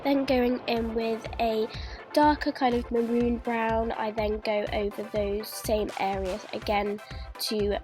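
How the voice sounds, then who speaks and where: Slow, level, and a little mellow, a slightly high female voice narrates a makeup tutorial over clear music. The young beauty vlogger says she's sick and sounds stuffed up from a cold, yet explains every step in a chatty, friendly way.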